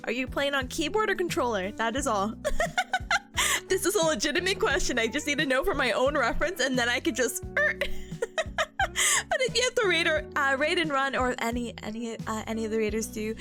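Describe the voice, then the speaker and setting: A young woman with a very high voice chats to her livestream in a cutesy, playful way. Her pitch swings widely as she gushes and giggles. Music plays behind her. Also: fairly quick. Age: 20s. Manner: cutesy, playful speak with baby-talk words and mild substitute swears; giggly, gushing, excitable. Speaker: VTuber streamer hosting a co-working stream. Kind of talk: casual livestream chat.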